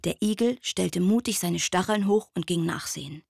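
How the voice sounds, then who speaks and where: A woman reading a children's story aloud in a slow, gentle, expressive way. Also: lowish voice, gravelly, no room sound, studio quality.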